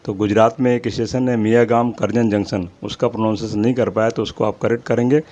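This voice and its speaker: A man hosting his own channel, reading out a long list of names in a steady rhythm and apologizing now and then for his pronunciation. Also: fairly low pitch, quick pace. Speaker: channel host. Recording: slightly dull lo-fi audio.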